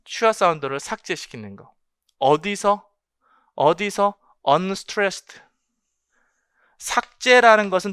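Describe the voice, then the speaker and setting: Bright, animated male lecturer. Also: high-pitched, clean tone, no room sound, studio quality. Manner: emphatic, asks rhetorical questions and repeats key points. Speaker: English linguistics lecturer. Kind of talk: exam-prep lecture.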